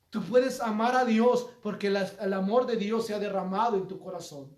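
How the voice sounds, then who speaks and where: A man's voice: sits high, reverberant. A man preaching a sermon, speaking earnestly and appealing directly to his listeners. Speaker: pastor.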